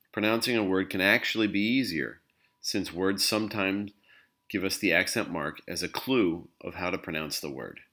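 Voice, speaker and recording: Man, deep voice, clear patient explanation, instructional narration. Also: pushed and bright. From English-speaking country. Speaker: language teacher.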